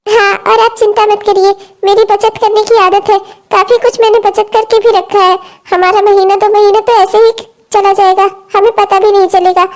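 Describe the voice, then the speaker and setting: A woman's voice: very high-pitched, flat delivery, normal speed. A woman voicing a caring, thrifty young wife and mother in a cartoon, who talks in a soothing, reassuring way. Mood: calm. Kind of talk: cartoon dubbing.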